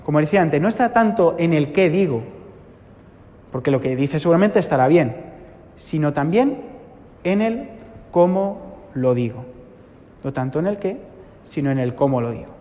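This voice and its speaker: A man preaches in an earnest, repetitive style, with a fairly high voice for a man. His voice rings with long reverb in a church. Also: animated, moderate pace, long pauses, dark tone, highs cut off. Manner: earnest, repeats phrases for emphasis. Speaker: priest. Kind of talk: sermon.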